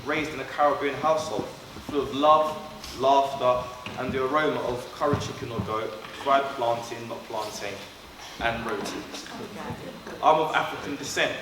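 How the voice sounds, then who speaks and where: A man's voice: medium pitch, moderate pace. Man giving a school assembly in an echoey hall. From born in Trinidad, raised in London. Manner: earnest, instructive, speaks directly to pupils. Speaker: school staff member leading assembly. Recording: echoey hall, far from mic, background noise.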